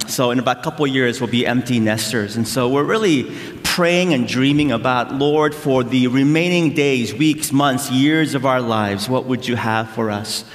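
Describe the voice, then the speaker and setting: A pastor, middle-aged and born in South Korea, talks his way through a sermon in a relaxed, conversational manner, pausing thoughtfully and poking gentle fun at himself. His mid-range voice echoes at length through a big hall.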